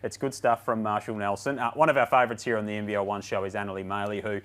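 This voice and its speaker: A middle-aged Australian man hosting a studio sports show, upbeat and enthusiastic as he presents highlights. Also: flat delivery, quick pace, a bit bright.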